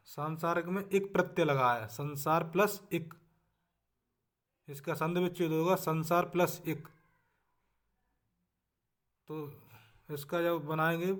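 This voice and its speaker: A man with a Hindi accent leads a spelling lesson for exam preparation in a fairly high voice. He repeats each word as a drill, and his voice often drops away at the end of a line. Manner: drills words, often trails off softly at line ends. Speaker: exam-prep teacher.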